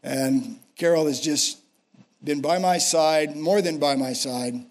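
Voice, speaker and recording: Casting: American man, 60s, guest preacher, slightly high voice, emphatic delivery with repeated phrases. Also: slow. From United States. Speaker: senior pastor, guest preacher. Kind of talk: sermon. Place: speaking to a church congregation.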